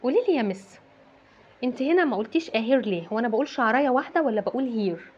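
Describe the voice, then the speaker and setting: A woman's voice: a little high, lively intonation, rapid-fire, darkish tone, husky, highs cut off. A woman with an Egyptian Arabic accent teaching English to children. She asks and answers her own questions and repeats key words. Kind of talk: classroom-style lesson explanation.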